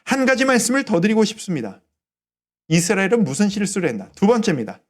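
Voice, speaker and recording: 생동감 있게 설교하는 높은 톤의 남성 목사. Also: male voice, high voice, quick pace. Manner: animated preaching, acting out quoted prayers and God's words. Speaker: pastor. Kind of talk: Sunday sermon.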